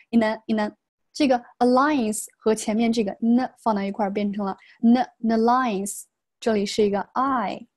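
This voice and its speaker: A woman teaching an English pronunciation lesson, reading phrases slowly as models and then explaining them. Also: on the high side, a little mellow.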